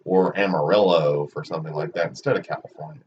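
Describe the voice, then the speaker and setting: Low-voiced Oklahoma man with an Okie accent. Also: quick pace, darkish tone. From Oklahoma, United States. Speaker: sports livestream commentator. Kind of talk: casual rambling chat during a match stream. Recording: muffled, distant mic with background noise.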